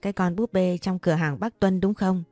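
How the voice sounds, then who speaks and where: A woman voicing a doting, flustered father who coaxes his young daughter, in a low, dark reading voice. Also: steady tone, a little fast, no room sound, soft background music, lightly acted. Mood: coaxing. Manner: coaxing, then scolding.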